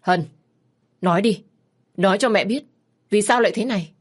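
A woman voicing a loud, frantic scolding mother. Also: mid-range voice, slightly rough, pitched above the performer's own voice, natural voice. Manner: loud, demanding rapid questions.

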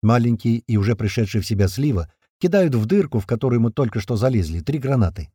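A man's voice: mid-range voice, expressive, quick pace, warm tone, slightly rough, no room sound, studio quality. A man narrating a first-person action audiobook in a terse, punchy, slangy manner.

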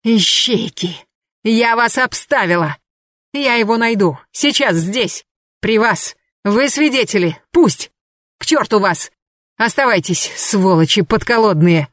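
A woman voicing a hysterical, jealous woman swinging a hoe, her lines frantic and shrill, in an audiobook. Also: animated, a little slow, fairly bright tone, no room sound, clean studio sound. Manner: frantic, shrill, hurled outbursts.

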